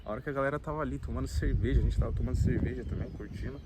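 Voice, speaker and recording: A man in his late twenties with a Brazilian Portuguese accent, talking to the camera in a relaxed, slangy, reflective way. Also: mid-range voice, very fast, very noisy. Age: late 20s. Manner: laid-back slangy talk, frequent filler tags. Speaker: vlogger. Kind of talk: casual reflective monologue. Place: outdoors at a campsite.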